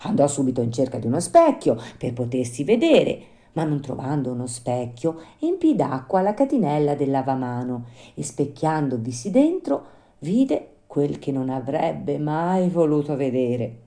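Female storyteller, lively reading of a children's book, mellow tone, pitch a touch high. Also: moderate pace. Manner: expressive, animated storytelling. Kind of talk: reading a children's classic aloud.

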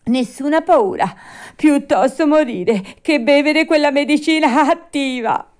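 Casting: woman doing a petulant puppet boy, shrill, loud, storybook reading. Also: measured pace. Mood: wailing. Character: whiny stubborn wooden puppet boy.

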